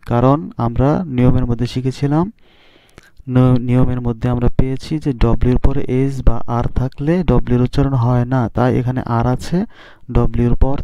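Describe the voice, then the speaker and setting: A man's voice: medium pitch, warm tone, clear, resonant tone, dry recording. A man teaching an English reading lesson to students. He spells words letter by letter and keeps asking the class how to say them. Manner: spells out letters slowly and asks students questions. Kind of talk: classroom lesson on phonics rules. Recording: dry, dull lo-fi sound.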